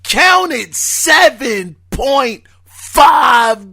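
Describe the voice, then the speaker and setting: This podcast host delivers a casual monologue in a slow, drawn-out way, frequently breaking into excitable shouts. His hoarse voice is unusually high for a man, with a bright, cutting edge.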